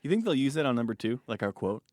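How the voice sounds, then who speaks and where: A man co-hosting a comic book podcast, throwing in quick wry asides and laughs. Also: mid-range voice, very animated, a little mellow, no echo, clean studio sound. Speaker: podcast co-host. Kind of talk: casual chat.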